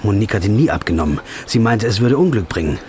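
An actor voices a haggard, hungover, obsessive male detective hunting for the truth, speaking tersely with brooding, determined voice-over narration in a film-style drama. His pitch is fairly low and his tone darkish, and he talks fast and animatedly in a near-everyday voice. A little hiss or hum is audible.

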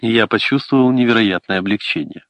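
Deep-voiced man narrating a story. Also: a little fast, no echo. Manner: steady storytelling reading. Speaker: audiobook narrator. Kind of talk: scripted first-person narration. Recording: dull, dry lo-fi recording.

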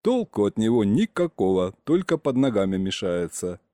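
A man doing a calm, commanding older man. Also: lowish voice, normal speed, no echo, clean studio sound, pitched below the performer's own voice. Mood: stern. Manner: calm, drawling orders.

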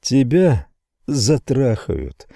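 A male audiobook reader voicing a calm, cynical colleague on a trading floor, speaking matter-of-factly. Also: medium pitch, slow, dry recording, clean studio sound. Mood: melancholy. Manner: flat, matter-of-fact delivery.

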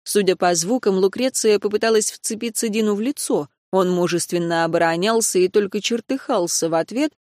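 A woman reading a novel aloud in the first person, with a wry, lively storytelling manner. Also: mid-range voice, brisk, few pauses, dry recording, studio quality. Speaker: audiobook narrator. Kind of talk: scripted first-person narration.

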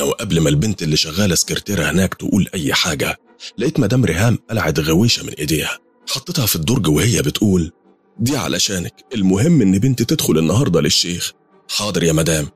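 A man with an Egyptian accent telling a first-person horror story in a brisk, conversational way. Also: low voice, fairly bright tone, breathy edge.

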